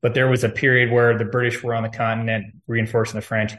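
A man's voice: mid-range voice, little pitch movement, fast talker, a bit bright. A man speaking as an interview guest, giving long-winded, urgent, unscripted warnings in a conspiratorial political vein. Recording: echoey room.

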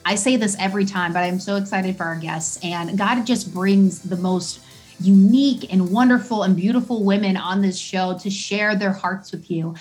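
A woman's voice: mid-range voice, steady tone, moderate pace, darkish tone, soft background music. Bubbly woman hosting a podcast. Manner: bubbly and enthusiastic. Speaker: podcast host.

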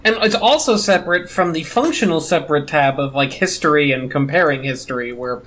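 A podcast co-host riffing sardonically in animated comedic banter. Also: medium pitch, brisk.

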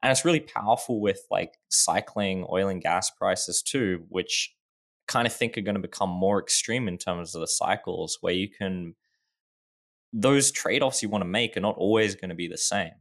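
A man's voice: deep voice, normal speed, gravelly, a bit bright. A man in his twenties, a startup founder guest in a casual podcast interview, explaining his work with frequent restarts and fillers. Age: 20s.

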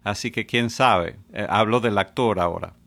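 Measured male podcast host. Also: lowish voice, gravelly, fairly bright tone. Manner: measured, steering the discussion. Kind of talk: podcast moderating.

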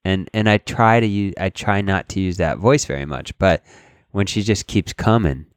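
A man's voice: deep voice, clean tone, no echo, clean studio sound. A man co-hosting a podcast, chatting casually and agreeing often. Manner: agreeable, quick affirmations. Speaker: podcast co-host.

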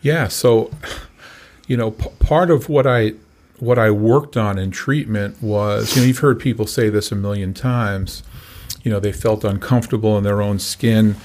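Older man, recovery coach guest, low voice, halting delivery with lots of restarts. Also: darkish tone, a little hiss or hum. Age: 60s. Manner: halting, many fillers and restarts. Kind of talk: casual conversation.

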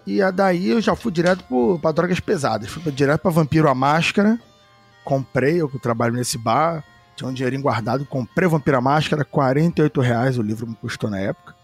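A man's voice: on the high side, fairly quick, slightly rough, faint music behind. A man in his thirties with a Brazilian Portuguese accent, chatting and telling stories casually as a podcast guest. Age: 30s. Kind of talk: casual storytelling chat.

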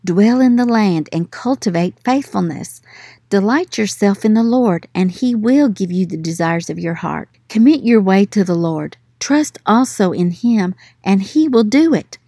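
A woman leading a devotional Bible teaching, reading scripture and affirmations in an earnest, encouraging way and slowing down on key words. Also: mid-range voice, animated, mellow, husky, dry recording, studio quality. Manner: earnest, encouraging, slows for emphasis on verses.

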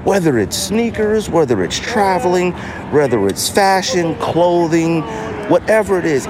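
A middle-aged American man from Inglewood, California, hosts a solo podcast, speaking casually and earnestly in a mid-range voice and repeating phrases for emphasis. The background is noisy.

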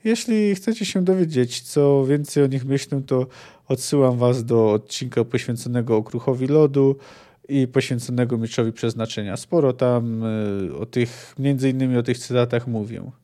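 A man's voice: medium pitch, normal speed, dark tone. A man hosting a book podcast, talking through his thoughts in a casual monologue with frequent hesitant fillers. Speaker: podcast host reviewing fantasy books.

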